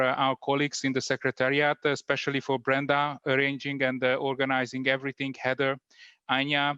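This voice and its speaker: Halting man hosting an online conference. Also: medium pitch, bright, forceful tone, clear, resonant tone, no room sound, highs cut off. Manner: halting, many fillers and restarts. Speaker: event host. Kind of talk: closing remarks at an online conference.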